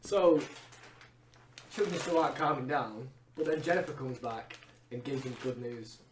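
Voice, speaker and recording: A man's voice: medium pitch, moderate pace, slight background noise. A man narrating a comedy tabletop game as game master, loose and playful. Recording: echoey room, far off the mic.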